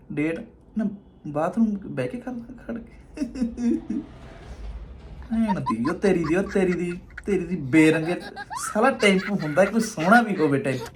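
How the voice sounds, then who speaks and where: A man's voice: sits high, a little hiss or hum. Mocking Punjabi man roasting clips. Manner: abusive, mocking, laughing. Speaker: comedy reaction creator. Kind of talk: mocking reaction commentary.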